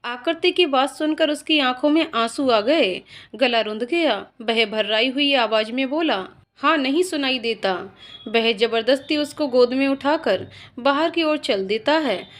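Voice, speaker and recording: A woman's voice: sits high, measured pace. A woman narrating an emotional family story in scripted style.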